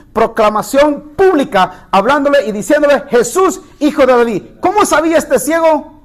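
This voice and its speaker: Male pastor, very high voice, teaching sermon, reads scripture with asides to listeners. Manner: rises in pitch when quoting the blind man's cry. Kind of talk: sermon, Bible study.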